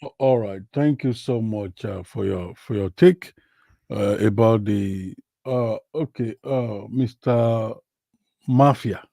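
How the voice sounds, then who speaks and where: On a live call-in talk show, a male host with a mid-pitched, gravelly, dark-toned voice welcomes and questions callers. He takes it slowly and sounds hesitant, full of fillers and restarts. The recording is dry and close, without any room echo.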